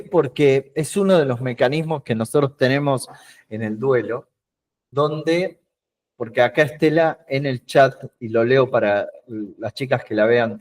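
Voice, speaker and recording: Rioplatense man teaching an online coaching class. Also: medium pitch. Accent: Rioplatense Spanish. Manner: animated, acts out short dialogues in his examples; repeats words while searching for them. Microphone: video call.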